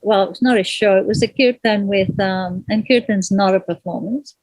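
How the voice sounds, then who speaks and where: A middle-aged woman from Malaysia, a singer being interviewed, speaking gently and thoughtfully and pausing to find her words. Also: mid-range voice, dry recording, rough recording. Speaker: guest, kirtan singer. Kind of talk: reflective interview conversation.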